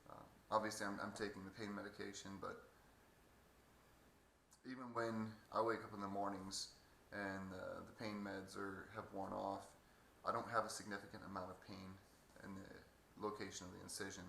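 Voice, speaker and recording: Gravelly low-voiced man, sore throat after surgery. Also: little pitch movement, sharp tone. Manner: halting, hesitant delivery. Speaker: patient vlogger. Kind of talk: casual video update. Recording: echoey room, faint background noise.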